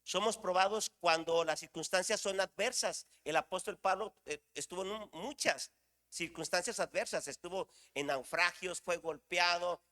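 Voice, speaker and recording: A middle-aged man preaching a sermon, animated, shouting exclamations and asking the congregation questions. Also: high voice, moderate pace, in a large hall. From Mexico.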